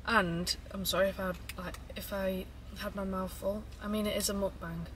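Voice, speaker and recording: A young woman talking fast and rambling through a mukbang vlog, chatting between bites of food. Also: medium pitch, fairly even intonation, fairly bright tone, slight background noise. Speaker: vlogger.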